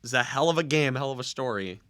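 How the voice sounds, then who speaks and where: Young male podcast host, bright and dry, casual joking chat. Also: mid-range voice, animated, fast talker, no echo. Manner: joking, rambling with restarts.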